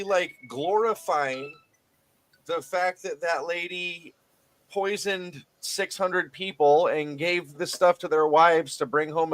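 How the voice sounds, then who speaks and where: A co-host on a heated political talk show rambles and swears, repeating words as he goes. His voice is fairly high and fairly bright, and his call line keeps cutting in and out.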